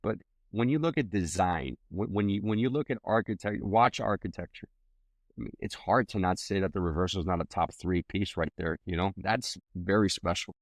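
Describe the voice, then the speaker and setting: A very low-voiced man chats as a podcast guest. He restarts and repeats words as he talks. The sound is close and dry. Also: normal speed, no room sound. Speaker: guest singer-songwriter. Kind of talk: casual interview chat.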